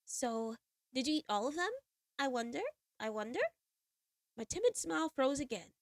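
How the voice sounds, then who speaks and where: In clean studio sound with no room sound, a young woman streamer speaks in a high, animated voice at a moderate pace, a cold leaving her nose stuffy. Bubbly and giggly, she mixes casual chat with reading a visual novel aloud.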